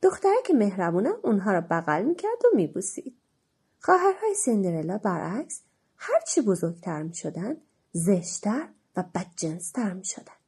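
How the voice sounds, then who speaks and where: A woman narrating a children's storybook in an expressive, animated way, with a husky voice. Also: mid-range voice.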